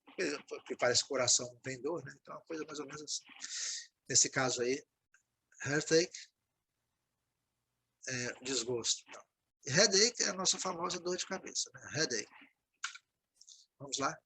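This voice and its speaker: Brazilian male teacher, fairly high, bright voice with a husky edge, patient and repetitive. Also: moderate pace, pauses often, a little hiss or hum, low-quality recording. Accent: Brazilian Portuguese. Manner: explanatory, repeats words, frequent "né, gente?". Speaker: English teacher. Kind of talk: recorded video lesson.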